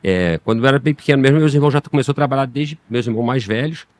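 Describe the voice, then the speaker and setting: This podcast guest is a middle-aged bike shop owner from Minas Gerais, Brazil, whose Portuguese carries a slight Minas Gerais accent. He speaks at a racing pace in a medium-pitched voice. He chats casually in interview style, relaxed yet hesitant, often starting his sentences over.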